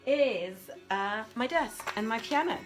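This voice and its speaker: Her voice is a little high with lively intonation, though she speaks a little slowly. Hosting a casual livestream reading at home beside a desk and piano, she chats, mutters to herself and apologizes her way along over soft music.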